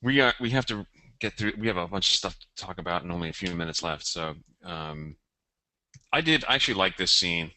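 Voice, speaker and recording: A man's voice: deep voice, animated, fairly quick, sharp tone. A man hosting a webinar interview, reacting briefly and asking casual questions. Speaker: webinar host.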